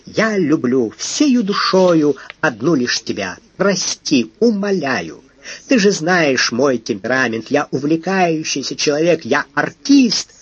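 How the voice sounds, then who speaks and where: A man's voice: a little high, very animated, slow pace, slightly rough, dull audio, full character voice. A man voicing a theatrical young male opera singer who pleads melodramatically with his lover, in an audiobook. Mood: imploring. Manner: melodramatic, imploring.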